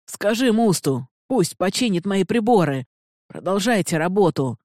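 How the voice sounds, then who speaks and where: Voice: mid-range voice, unhurried, a little mellow, dry recording, natural voice. A reader voicing a desperate captive male doctor who pleads frantically, in a dry, close recording. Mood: pleading. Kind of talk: audiobook character voice.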